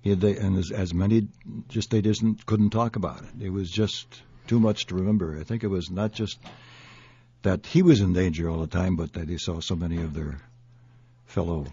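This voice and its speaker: An older man from Minnesota, reminiscing haltingly in an interview and searching for words. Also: low-pitched, fairly even intonation, warm tone, breathy edge. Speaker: interview guest. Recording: dull, dry lo-fi recording.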